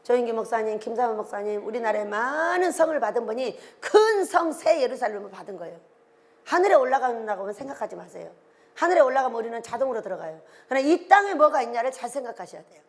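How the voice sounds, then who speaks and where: An older woman preaching a sermon, animated and exclaiming, firing questions at her congregation. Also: on the high side, fast talker.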